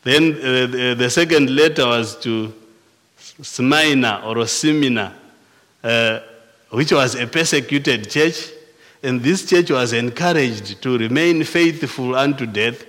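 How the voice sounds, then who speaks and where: A man with a Zimbabwean accent preaching a sermon, slow and deliberate, often restarting and repeating words as he goes. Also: medium pitch, a bit bright, big-room sound. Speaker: pastor.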